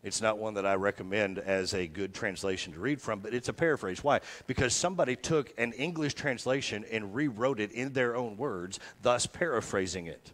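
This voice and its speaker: A male pastor giving a sermon, reading verses slowly and repeating them with soft, falling emphasis, then talking plainly to the congregation. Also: on the low side. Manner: slow repetitive scripture recitation, dropping soft; conversational teaching with sudden emphatic rises.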